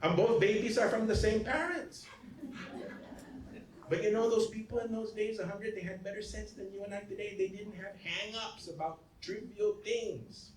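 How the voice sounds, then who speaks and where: With a high-pitched voice at normal speed, a male priest lectures on genealogy at a symposium, joking and digressing while frequently checking with listeners via "okay?" and "right?" The sound is distant and echoey, with faint noise, from a hall.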